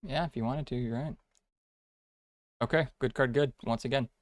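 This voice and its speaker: A man's voice: mid-range voice, moderate pace, no echo. Casual, slangy man chatting on a dry mic. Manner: laid-back slang, says dude often. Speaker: co-host of a card game stream. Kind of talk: casual chat, off-the-cuff commentary.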